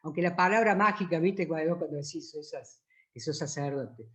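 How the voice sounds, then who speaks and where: An Argentine man, a priest, shares stories at a book presentation. His voice sits high, and he acts out the dialogue as he goes. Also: moderate pace. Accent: Argentine Spanish. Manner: anecdotal, acts out dialogue with lively pitch jumps. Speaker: priest and author.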